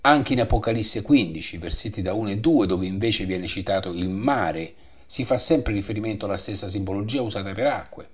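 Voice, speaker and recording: A man teaching a Bible study, reading scripture aloud and explaining it in a measured way that repeats the references. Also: fairly low pitch, animated, slightly rough.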